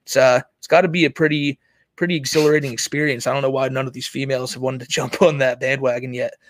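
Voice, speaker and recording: A man's voice: mid-range voice, level tone, fast talker, slight background noise. A man hosting a casual commentary podcast, crude and mocking, talking to his chat. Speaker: podcast host.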